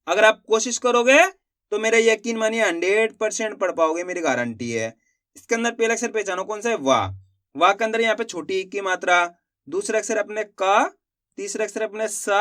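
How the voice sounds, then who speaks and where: A man's voice: high-pitched, fairly bright tone. A man teaching reading in an online lesson, sounding out each syllable and then saying the whole word, coaxing viewers along as friends.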